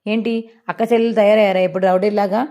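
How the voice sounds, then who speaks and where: A woman voicing a sharp-tongued, scornful mother-in-law in a fast retelling. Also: mid-range voice, fairly even intonation, dull audio, lightly acted. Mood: taunting. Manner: taunting, scolding.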